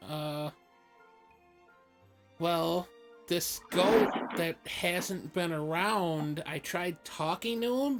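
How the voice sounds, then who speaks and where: In an improvised comedic fan dub of a fantasy game, a woman with a fairly low voice plays an awkward, puzzled young adventurer, speaking casually and haltingly. She is an amateur live fan-dub voice actor, with background music under her voice.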